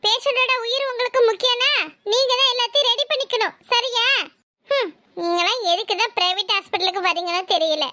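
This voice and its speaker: A woman's voice: very high-pitched, bright, forceful tone, dry recording. A woman playing a curt, dismissive hospital doctor. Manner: brisk, dismissive, formal. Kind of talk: cartoon voice acting.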